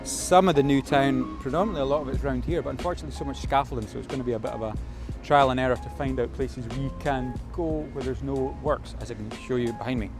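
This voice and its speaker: This Scottish man speaks fast with few pauses in a mid-range voice, rambling casually as he walks city streets outdoors over a music bed. He's a photography vlogger, and his chatty, loose talk is full of fillers and Scottish words.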